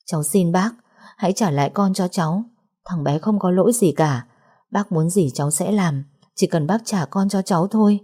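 A woman's voice: lowish voice, normal speed, mellow, slightly rough. A woman voicing a young mother in a story who pleads through tears. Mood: pleading. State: crying. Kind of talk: audiobook character reading.

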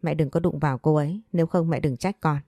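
Woman voicing a weary tipsy young man, curt and firm, low warm voice, dry sound, faint music. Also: quick pace, no echo.

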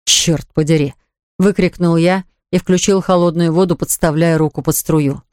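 A man's voice: on the high side, steady tone, moderate pace, dark tone, clear, resonant tone, no room sound, clean studio sound. A man narrating an audiobook in the first person, reading evenly and voicing dialogue plainly. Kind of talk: scripted narration.

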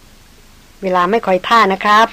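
A woman voicing a calm male jungle hunter who answers anger with dry, mocking ease. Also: a little slow, rough recording. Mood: calm coaxing. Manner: dry and unbothered, mildly mocking.

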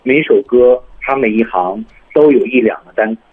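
A man's voice: mid-range voice, moderate pace, slightly rough, narrow, tinny audio. A male English teacher explaining speaking technique on a radio lesson, going step by step and repeating example lines.

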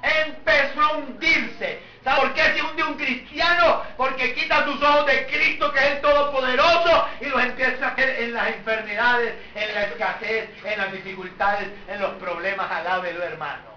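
A high-pitched, sharply bright male preacher, delivering an animated sermon full of rhetorical questions. He sounds distant from the microphone in a roomy, echoing church hall. The recording is dull and lo-fi, with a faint hiss underneath. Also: moderate pace, hardly any pauses.

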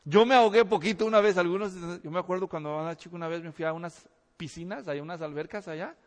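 Animated high-voiced preacher in a hall. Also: male voice, fast. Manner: animated storytelling, acts out voices, asks the audience questions. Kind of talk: sermon. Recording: reverberant hall.

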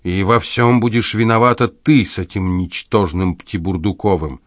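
A man voicing a self-pitying, pompous husband who whines in a slow, drawn-out, nasal voice in an audiobook. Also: low voice, fairly even intonation, no room sound, studio quality, close to an everyday voice. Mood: pleading.

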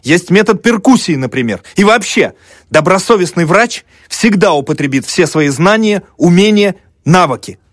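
A man's voice: high voice, expressive, normal speed, no room sound, clean studio sound, voice pushed up. A man reading an audiobook who voices a defensive, flustered young male student doctor, lecturing in a raised, strained voice. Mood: indignant. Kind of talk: audiobook character voice.

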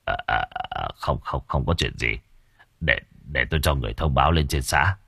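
A man doing a rattled, gruff village chief. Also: very deep voice, animated, normal speed, sharp tone, dry recording, pitched below the performer's own voice, exaggerated voice. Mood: shaken. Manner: stammering when scared, gruff when angry. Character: frightened, stern middle-aged village chief. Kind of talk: storybook narration.

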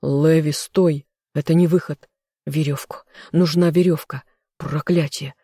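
A woman's voice: sits low, fairly even intonation, measured pace, warm tone, breathy edge, no echo, studio quality. A woman voicing a bold, restless man, the heroine's lover, who teases and gives urgent orders in an audiobook reading.

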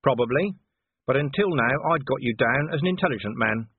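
A man's voice: medium pitch, animated, a little fast, breathy edge, dry recording. A man voicing a dry, weary, tough male police commander in an audiobook reading, with a clipped sardonic delivery. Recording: tinny phone-like audio.

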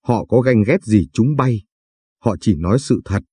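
A man doing an irate old father-in-law in an audio storybook, berating his family in fast, heated outbursts. The voice is low, dark and husky, with a dry, close sound. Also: lively intonation, no room sound. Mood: furious. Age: older. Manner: angry scolding, rapid tirades. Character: hot-tempered elderly father-in-law, scolding.

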